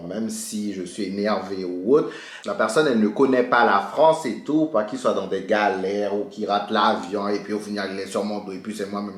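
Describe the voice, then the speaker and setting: A man with a lowish voice chats through a dramatic storytime while applying makeup. He acts out every exchange and swings his voice up and down. He is recorded in an echoey small room at home. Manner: animated, re-enacts dialogue with big pitch jumps. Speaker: beauty vlogger.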